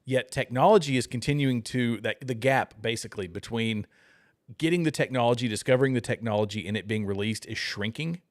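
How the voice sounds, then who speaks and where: A man co-hosting a talk show, laying out his points in an earnest, explanatory way and thinking aloud. His voice sits at a middle pitch. The sound is dry and close, with no roominess. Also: fairly quick, no echo. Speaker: podcast co-host. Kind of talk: casual panel chat.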